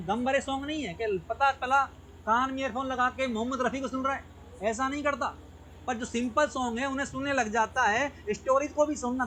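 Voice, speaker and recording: This man's voice is pitched extremely high and sounds a bit bright, captured on a low-quality recording with slight background noise. He's giving an online lecture, drilling key points through repetition, checking often whether students follow, and mixing English terms into his speech.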